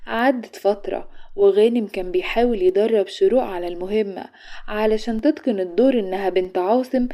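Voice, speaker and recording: A woman storyteller with an Egyptian accent, reading a scripted romance at a rapid clip. Her voice is dark and mellow, level in pitch, steady and brisk throughout. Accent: Egyptian Arabic.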